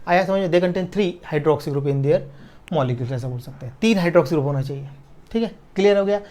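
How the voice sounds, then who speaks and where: A man teaching a chemistry lesson at a board, dictating notes slowly word by word and checking that students follow, with in the technical terms. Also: on the high side, lively intonation, darkish tone. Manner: slow dictation, drawn-out words, frequent checks for understanding.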